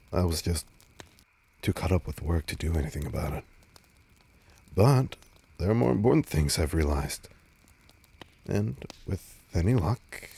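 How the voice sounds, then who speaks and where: In an intimate audio roleplay, a man voices a laid-back, teasing, protective vampire out on a date. His deep voice is husky, breathy and mellow, the casual delivery heavily acted.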